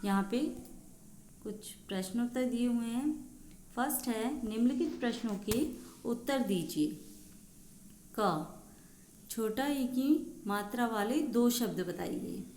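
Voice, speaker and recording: Slow, patient woman teacher in an echoey room. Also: a little high, a little mellow. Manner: slow, patient, spells out words and repeats answers. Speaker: school teacher. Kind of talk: recorded Hindi class lesson for young children. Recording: echoey room, faint background noise.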